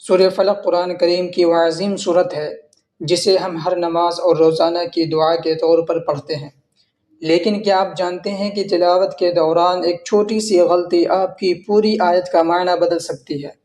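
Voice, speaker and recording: A man gives a tajweed lesson in a raised, fairly high voice. He lays out each pronunciation rule carefully, repeating points so students can follow. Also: little pitch movement, darkish tone. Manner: patient, explanatory, repeats rules step by step. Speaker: Quran recitation teacher. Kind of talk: tajweed lesson with slow recitation.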